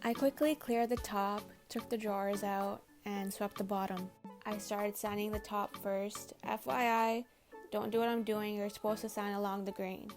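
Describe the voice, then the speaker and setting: Faint music accompanies this scripted voice-over for a home makeover video. The narrator, a DIY vlogger whose first language is Tamil, has a mid-range voice with fairly even intonation and a moderate pace, and her tone is casual, chatty and self-deprecating.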